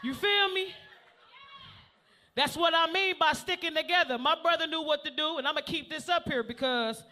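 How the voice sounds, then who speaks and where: A man in his thirties doing a loud, profane stand-up set on a comedy club stage, constantly calling out to the crowd. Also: very high voice, normal speed.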